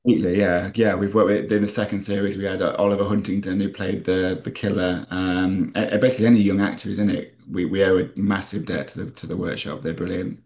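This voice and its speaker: Deep-voiced Nottinghamshire man, animated. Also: vocal fry. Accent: North Nottinghamshire. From Nottinghamshire, England. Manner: enthusiastic, fast, many restarts and repeated words. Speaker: playwright and TV screenwriter guest. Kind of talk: casual interview chat.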